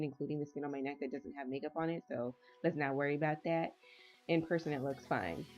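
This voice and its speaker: A woman with a nasal, allergy-stuffed voice, chatting her way step by step through a makeup tutorial voice-over. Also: low-pitched. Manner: chatty, relaxed step-by-step narration. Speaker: makeup vlogger.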